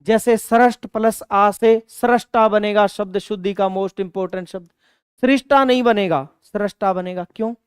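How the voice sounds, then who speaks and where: Clear-voiced male grammar teacher. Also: high-pitched, steady tone, moderate pace, no echo, studio quality. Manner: asks questions, then answers them himself; repeats and stresses key words. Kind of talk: online exam-prep grammar lesson.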